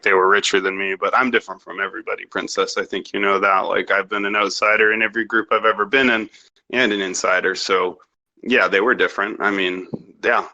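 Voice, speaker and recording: Bright, brash young man from Canada. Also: low-pitched, poor audio. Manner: rambling, profane and self-assured. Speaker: interview guest. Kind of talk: casual podcast interview.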